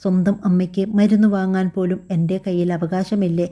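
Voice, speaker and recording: A woman voicing a hurt young wife in a storybook, pleading softly in a wounded tone. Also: on the low side, little pitch movement, fairly quick, close to an everyday voice.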